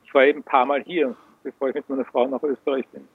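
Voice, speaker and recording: Man on a low-quality Skype call. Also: flat delivery, fast, vocal fry, breathy edge, dry recording. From Austria. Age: 50s. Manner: rambling, self-correcting. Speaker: founder of an education center. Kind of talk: interview answers. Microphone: video call. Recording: tinny, dry internet call audio.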